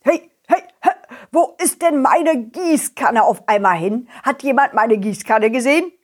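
Eager knight calling out in a kids' audio story, slow and lively, played by a woman. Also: sits high.

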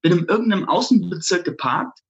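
A man, a flirt coach, telling a lively personal story in an interview, laughing often and acting out what people said. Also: high voice, fast talker, vocal fry, breathy edge, lo-fi sound. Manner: animated, laughs often, acts out quotes.

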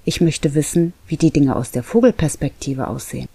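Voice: medium pitch, fairly quick, creaky, mellow, slightly rough, no echo. A reader voicing a thoughtful young cat who longs to climb a church roof, earnest and a little defensive, in an audiobook. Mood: wistful. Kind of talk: audiobook reading.

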